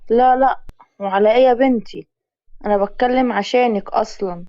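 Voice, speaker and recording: A woman's voice: a little high, brisk, no room sound, close to an everyday voice. A woman with an Egyptian accent playing a wounded man in his thirties who is in hiding, speaking in a dry, teasing, plainspoken way in a dramatized story reading. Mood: calm. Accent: Egyptian Arabic. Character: wounded 32-year-old man hiding out, wry and proud. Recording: muffled lo-fi recording.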